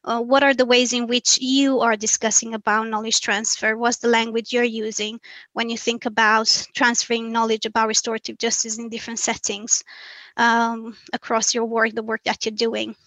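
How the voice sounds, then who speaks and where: A woman presents a webinar talk, her fairly high voice bright and held to a narrow, even tone. She sounds reflective and earnest, weighing each point as she goes, and the recording is dry and close. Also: moderate pace, no echo. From Romania. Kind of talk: academic presentation.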